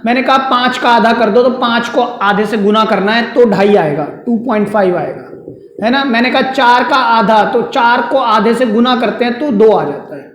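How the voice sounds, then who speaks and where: His voice is extremely high-pitched and a bit bright as he teaches maths at a moderate pace at a classroom board. Step by step, he asks his students questions and answers them himself, calling them "beta" and "sir", and the recording sounds echoey.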